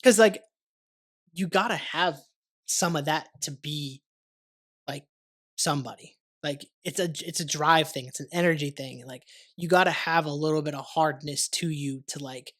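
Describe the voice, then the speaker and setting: A young male podcast host with a fairly high, slightly bright voice talks at a moderate pace in a casual conversational interview. He rambles with lots of "like" and the occasional swear word, recorded in a warm studio under lights.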